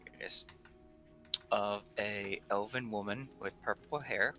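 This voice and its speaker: Low, bright-voiced man running a tabletop game. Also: fairly even intonation, soft background music, rough recording. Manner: halting, searching for words. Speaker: game master. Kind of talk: improvised tabletop game narration.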